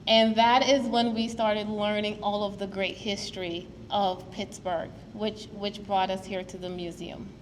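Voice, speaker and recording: A woman's voice: mid-range voice, little pitch movement, measured pace, hardly any pauses. A woman from Guyana gives an earnest, storytelling public talk to an audience as a preservation advocate at a museum. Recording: long hall reverb, faint noise.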